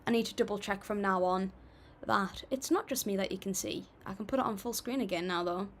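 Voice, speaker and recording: Speaking fairly quickly in a mid-range voice, a young woman runs a laid-back music-reaction livestream, reading viewer comments aloud with upbeat apologies as she chats. A little background noise can be heard.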